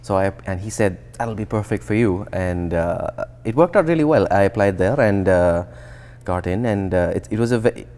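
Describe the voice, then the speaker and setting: An expressive Indian man in his thirties with a low, darkish voice speaks at normal speed with few pauses. He is a guest researcher in a conversational interview, thoughtful and prone to restarts and fillers. A lapel mic records him in an indoor atrium of plants and glass.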